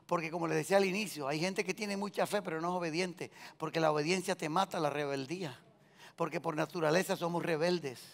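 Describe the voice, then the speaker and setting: A man preaching a sermon with a Colombian Spanish accent, calling on the congregation to answer and swinging between loud cries and quiet lines. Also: a little high, fairly even intonation, a little fast, gravelly. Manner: preaching with call-and-response to the congregation. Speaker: pastor. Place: large church hall. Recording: long hall reverb.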